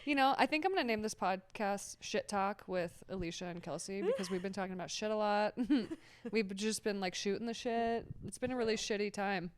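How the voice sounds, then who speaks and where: A woman's voice: medium pitch, a little fast, clean tone, no room sound. A young adult woman hosting a casual podcast chat, rambling, giggling often and swearing freely. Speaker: podcast host.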